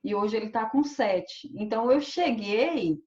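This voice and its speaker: A woman's voice: on the high side, lively intonation, a little slow, a little mellow, highs cut off. A woman with a Brazilian Portuguese accent, a teacher asking a colleague for advice, who thinks aloud hesitantly. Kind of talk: online teaching chat.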